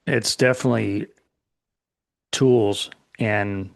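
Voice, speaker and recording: Slow-talking low-voiced man. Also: fairly even intonation, creaky, dry recording, studio quality. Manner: slow, thoughtful, with many restarts. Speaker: podcast co-host. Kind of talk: casual chat.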